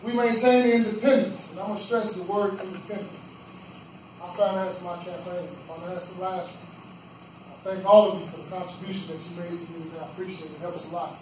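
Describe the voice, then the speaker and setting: A man giving a campaign speech for a judicial seat in a roadhouse event room, earnest and plain-spoken, in short phrases with pauses. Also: high voice, flat delivery, a little mellow. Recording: echoey room from far off, faint background noise.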